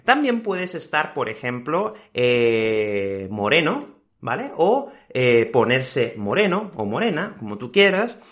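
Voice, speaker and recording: Spanish-accented male teacher for a learner podcast: animated intonation, patient, repeats words, keeps asking "ok?". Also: medium pitch. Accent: Spanish, Spain. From Spain. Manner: repeats key words slowly and checks with "¿ok?".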